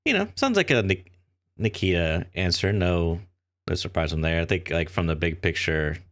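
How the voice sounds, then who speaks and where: A man with a very deep voice co-hosts a podcast in an unhurried, conversational way. He rambles and hesitates, packing his talk with ums and likes. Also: animated, fairly bright tone. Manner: rambling and hesitant, heavy "um" and "like" fillers. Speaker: podcast co-host. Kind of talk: casual chat.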